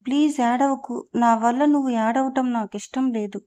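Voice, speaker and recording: A woman reading the part of a badly injured young man speaking gently to the woman he loves. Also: on the high side, normal speed, no echo, lightly acted. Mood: weak tender.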